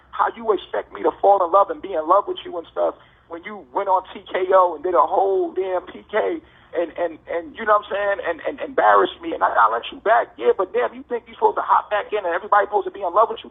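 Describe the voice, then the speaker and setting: A man's voice: sits high, gravelly, husky. An American man on a prison phone line, delivering an impassioned, slangy monologue with emphatic repetition and rhetorical questions. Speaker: detainee speaking on a jail phone call.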